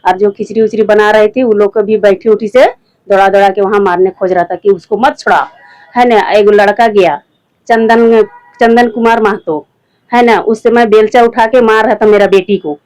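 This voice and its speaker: A woman's voice: medium pitch, fairly even intonation, moderate pace, darkish tone, poor audio. A middle-aged woman from Jharkhand with a rural Jharkhand accent, a mother and former village head telling a reporter her account in plain speech, often repeating herself and quoting others. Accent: Jharkhand rural Hindi. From Jharkhand, India.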